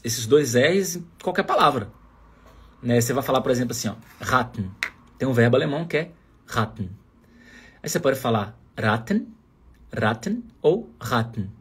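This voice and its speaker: Husky Bahian man teaching casually. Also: on the high side. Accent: Bahian Brazilian Portuguese. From Bahia, Brazil. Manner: chatty, asks "saca?" often, models sounds aloud. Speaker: German teacher. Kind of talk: casual online lesson.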